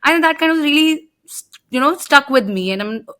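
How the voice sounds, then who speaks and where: A woman's voice: high-pitched, lively intonation, moderate pace, sharp tone. A young woman with an Indian accent, chatting casually and playfully as a podcast co-host, mixing Hindi and English. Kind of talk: casual chat.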